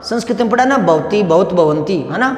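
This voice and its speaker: A man with a cough teaching Hindi grammar in a patient, slow lesson, repeating points and asking rhetorical questions. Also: sits high, animated. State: unwell with a cough. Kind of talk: explanatory classroom lesson. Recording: echoey room with long reverb.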